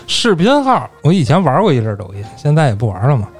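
A man's voice: a little high, wildly swooping pitch, quick pace, breathy edge, soft background music. A man with a Beijing accent chatting casually as a panelist on a talk show. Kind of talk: casual chat.

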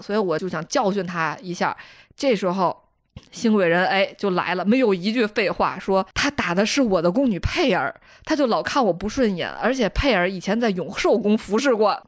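A woman hosting a podcast, retelling a TV drama's plot in a casual, lively way and acting out the characters' lines with a northern style lilt. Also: medium pitch, no room sound, studio quality. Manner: animated storyteller, acting out dialogue lines. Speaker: podcast host.

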